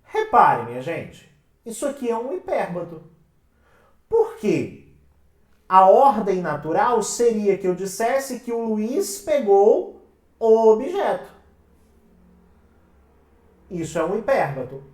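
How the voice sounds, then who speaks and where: A woman with a Brazilian Portuguese accent giving an exam-prep lecture, asking her class questions and answering them herself. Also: fairly high pitch. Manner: calls the listeners "minha gente". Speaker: teacher. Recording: roomy sound from a distant mic.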